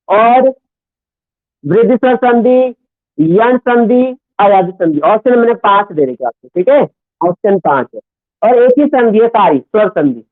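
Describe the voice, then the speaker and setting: A man with a high voice teaches grammar at an unhurried pace, dictating each word and repeating it. The sound is tinny like a phone line and very dry, with no room echo. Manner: repeats each word slowly, often checks "okay?". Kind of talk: dictation lesson.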